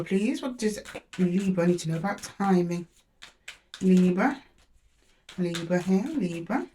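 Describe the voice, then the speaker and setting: A woman with a croaky voice hosting a casual tarot reading, chatty and speaking familiarly to her listeners. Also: medium pitch, a little mellow, a little hiss or hum. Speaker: tarot reader and channel host.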